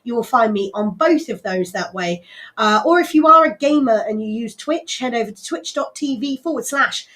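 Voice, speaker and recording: A woman's voice: on the high side, animated, moderate pace, a bit bright. A woman hosting a live local radio show with a West Country English accent, chatting casually and rambling with frequent laughs and fillers. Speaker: radio host.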